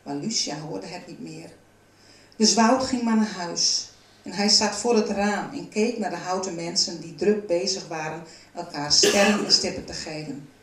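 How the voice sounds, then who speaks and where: A woman reading a children's storybook aloud in a calm, even narrating voice. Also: on the low side, moderate pace. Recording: roomy, from a distance.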